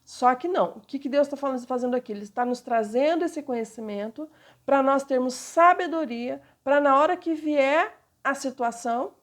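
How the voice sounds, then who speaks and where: Brazilian woman pastor with a high voice, talking through a book with her congregation. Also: normal speed. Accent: Brazilian Portuguese. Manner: conversational, frequent tag questions. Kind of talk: sermon-style book reading and teaching.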